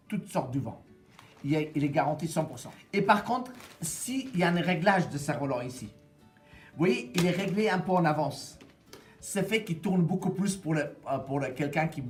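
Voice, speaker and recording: A man from Afghanistan, giving a casual how-to demonstration of a kite kit in plain, halting sentences with small grammar slips. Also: on the high side, a little mellow.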